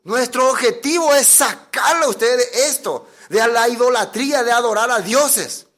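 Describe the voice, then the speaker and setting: A man with a high-pitched voice preaches a sermon. He speaks emphatically and keeps asking his congregation questions. He briefly acts out the voices of the people he quotes. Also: moderate pace, fairly bright tone. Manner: emphatic, asks the listeners rhetorical questions. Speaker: pastor.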